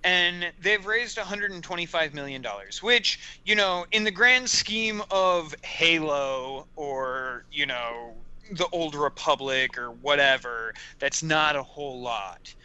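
A man co-hosting a casual podcast, talking in a loud, profane, animated way. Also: a little high, a little slow, clear, resonant tone, muffled recording. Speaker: podcast co-host.

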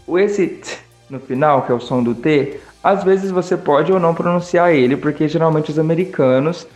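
A man's voice: fairly high pitch, a little mellow. Brazilian man teaching with an echo. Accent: Brazilian Portuguese. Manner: friendly, drills words slowly. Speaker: English teacher. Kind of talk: online English lesson.

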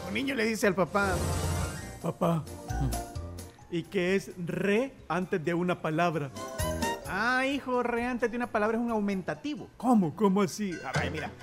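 A man's voice: high-pitched, animated, normal speed, music in the background. A man co-hosting a radio show, telling a joke and acting out its dialogue. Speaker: radio co-host.

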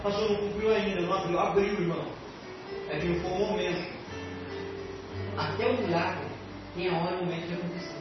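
A Brazilian man preaches with a high-pitched voice that swings from loud urging to hushed asides. He sounds distant from the mic, and his words echo around a large church hall. Music plays behind him in a dull, muffled recording. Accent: Brazilian Portuguese. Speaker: pastor. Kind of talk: sermon.

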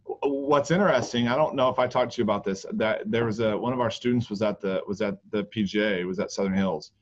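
Rambling man on a dull podcast line. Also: on the low side. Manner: rambling, frequent restarts and fillers. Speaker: podcast co-host, golf coach. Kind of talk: casual chat.

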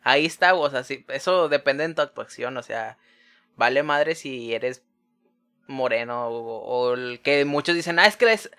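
Bright-voiced blunt Mexican guy. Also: medium pitch, animated, normal speed, clear, resonant tone. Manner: opinionated, blunt, casual slang. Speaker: podcast co-host. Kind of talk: casual chat.

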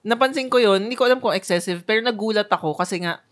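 A woman co-hosting a casual podcast, talking in an animated way with many fillers. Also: mid-range voice, fast. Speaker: podcast co-host. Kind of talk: casual chat.

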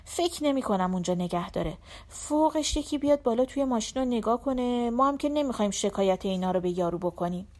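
A woman's voice: a little high, lively intonation, darkish tone, close to an everyday voice. Woman reading as a wary, blunt young man.

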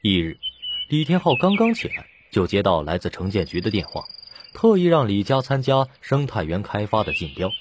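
A man narrating a serialized novel as an audiobook, with steady storytelling delivery. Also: lowish voice, normal speed, background noise. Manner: steady storytelling, voicing the lead plainly.

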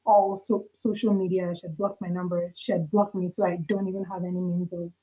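Husky-voiced woman sharing heartfelt testimony. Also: fairly low pitch, little pitch movement, a little fast, dark tone, poor audio. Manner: earnest, heartfelt storytelling with quoted dialogue. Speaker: podcast guest. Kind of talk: personal testimony in conversation.

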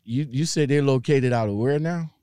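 A man's voice: mid-range voice, dark tone, smooth, no echo. A man interviewing casually in slangy speech, often repeating his phrases as he gropes for the question. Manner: halting, repeats phrases over and over.

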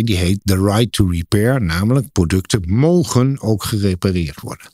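A man's voice: lowish voice, no echo, clean studio sound. A man, a professor and guest expert, explaining in a podcast interview, building his points in emphatic lists like a lecturer.

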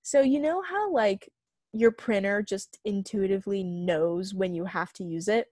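A young woman co-hosting a podcast, telling a long story in casual chat, full of fillers and animated retellings. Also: medium pitch, unhurried, no echo. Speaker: podcast co-host.

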